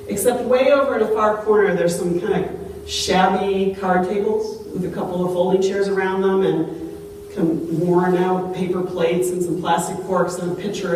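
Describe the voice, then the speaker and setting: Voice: medium pitch, a little mellow. Preacher at a pulpit mic, echoing church. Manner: conversational storytelling, asks the congregation questions. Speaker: pastor. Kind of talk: sermon. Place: church sanctuary. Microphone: pulpit microphone. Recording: very echoey church, distant mic, faint hum.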